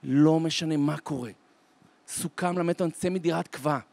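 A rabbi giving an inspirational holiday talk as a dramatic storyteller, slowing down to stretch his words for emphasis. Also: steady tone, creaky, dry recording. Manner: dramatic storyteller with wide swings in pitch and loudness; slows to a drawn-out, deliberate delivery for emphasis. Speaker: rabbi and lecturer.

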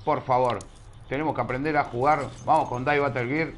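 A man's voice: medium pitch, fairly even intonation, a little fast, a little hiss or hum. A man with a Rioplatense Spanish accent casting a live online shooter tournament, chatty and teasing, scolding his chat with playful slang. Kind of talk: live game commentary.

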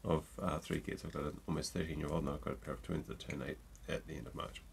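With a bass voice, steady tone and vocal fry, he talks fast over a little hiss or hum. He's a middle-aged man with a cold and a blocked nose, reviewing gin in a jokey, um-filled chat to camera from a room at home, close to a desk mic amid shelves of bottles.

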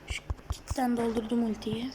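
A woman giving live gameplay commentary on her gaming channel, excitable, shouting at opponents and then dropping to a murmured whisper. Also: on the high side, normal speed, noisy background.

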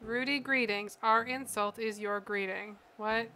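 A woman's voice: a little high, steady tone, measured pace, pushed and bright. A woman streaming a game, reading web pages aloud with incredulous, sarcastic asides. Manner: incredulous, sarcastic, reads website text aloud with dry asides. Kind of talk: casual gameplay commentary.

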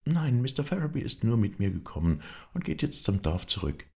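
Man putting on a soft, firm young lady, raised pitch over a gravelly base. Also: big pitch swings, a little fast. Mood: reproachful. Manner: soft, reproachful. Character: young woman, reserved, firm.

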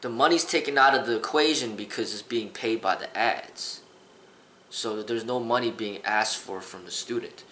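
A man's voice: mid-range voice, sharp tone, echoey room, slight background noise, rough recording. A man in his thirties, a kung fu instructor, talking earnestly to the camera in a casual vlog, rambling with restarts. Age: 30s. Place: small indoor room with a sofa.

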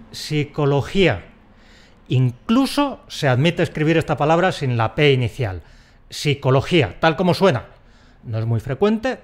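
Playful man teaching pronunciation. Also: a little high. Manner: playful, theatrical, mock-scolding. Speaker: language teacher. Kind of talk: educational video on pronunciation.

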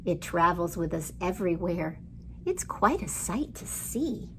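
A middle-aged woman hosts children's storytime in a library room, reading picture books and rhymes to young children in an expressive, sing-song way. Her voice is on the low side at a measured pace, recorded indoors a short way from the mic with slight background noise.

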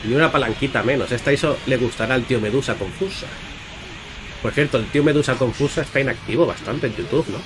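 Speaking fast in a mid-range voice, a man who runs a gaming channel gives loose, conversational commentary on a game, addressing his viewers directly and letting out playful exclamations. Music sits in the background of the recording.

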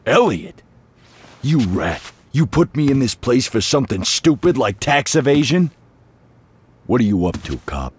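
An actor playing a hot-tempered mafia boss locked up in prison, with a husky voice. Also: male voice, a bass voice, measured pace, pauses often, a little hiss or hum, heavily acted. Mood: furious. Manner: explosive then grudgingly calm. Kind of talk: video game voice acting.

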